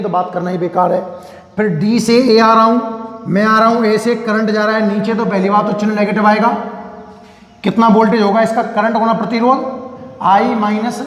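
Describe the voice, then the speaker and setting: Male physics teacher, high voice, asks and answers his own questions; roomy classroom echo. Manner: questions students and answers himself, repetitive. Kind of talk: classroom lecture at a board. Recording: echoey room with long reverb.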